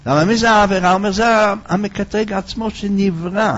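High-voiced male preacher telling parables. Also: fairly even intonation, a bit bright. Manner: storytelling, acting out dialogue. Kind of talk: sermon with parables. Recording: dull lo-fi recording.

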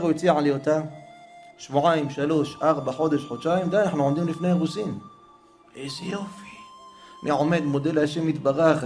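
Male preacher, slightly high voice, dramatic storyteller, soft music underneath. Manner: dramatic, swings from hushed to raised voice. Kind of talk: religious storytelling.

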